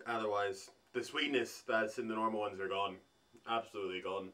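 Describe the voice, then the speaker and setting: A man vlogging as he tastes food, talking in halting bits while he thinks aloud between bites. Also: fairly low pitch, steady tone, a bit bright. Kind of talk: food tasting vlog.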